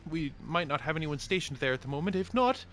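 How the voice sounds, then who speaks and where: A man's voice: a little high, animated, fast talker, a bit bright, pitched above the performer's own voice. A man voicing a cheery, motherly little dwarf woman apothecary in a tabletop game. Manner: sing-song, calls people honey.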